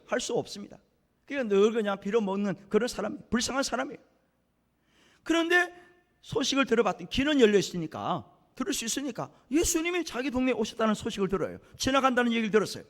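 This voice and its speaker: A male pastor with a very high voice preaches to his congregation, rising and falling through a wide, animated range. His delivery is dramatic, full of storytelling and rhetorical questions. His voice rings with the long reverb of a church sanctuary. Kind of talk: sermon.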